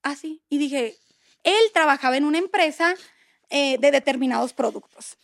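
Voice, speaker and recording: A woman's voice: high-pitched, normal speed, gravelly, dry recording. A woman in her thirties with a Mexican accent, a podcast guest telling a personal story with feeling, colloquial and tearful at moments. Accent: Mexican Spanish. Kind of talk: emotional storytelling.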